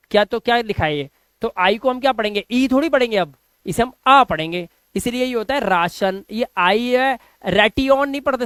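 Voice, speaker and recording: Male phonics tutor, high pitch, dry close sound, repeats and drills words. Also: no echo. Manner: repeats words slowly and quizzes viewers. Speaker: English pronunciation teacher. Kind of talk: explaining phonics rules in Hindi.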